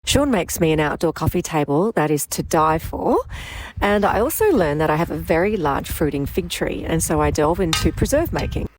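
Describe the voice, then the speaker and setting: An Australian woman with a head cold and a raspy voice, narrating a personal vlog in a chatty way. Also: sits low, expressive, normal speed, a little hiss or hum, poor audio. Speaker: vlogger narrating her life in rural France. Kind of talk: vlog narration and casual chat.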